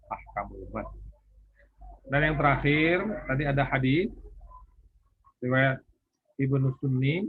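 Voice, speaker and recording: A man's voice: mid-range voice, a little hiss or hum. A man giving a recorded online lecture, asking questions and answering them himself as he sets assignments. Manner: asks and answers his own questions. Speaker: university lecturer. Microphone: recorded for a YouTube class. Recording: tinny phone-like sound, husky.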